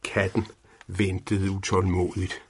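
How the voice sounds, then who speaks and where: A man reading a storybook aloud in a lively, expressive narrating manner. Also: low-pitched, vocal fry, breathy edge.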